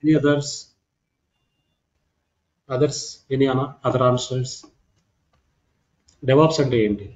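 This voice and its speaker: Echoey Telugu-accented man teaching a class. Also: medium pitch. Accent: Telugu Indian. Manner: frequent "right?" and "okay" check-ins. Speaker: technical instructor. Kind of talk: live demo class lecture. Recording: echoey room, dull lo-fi audio.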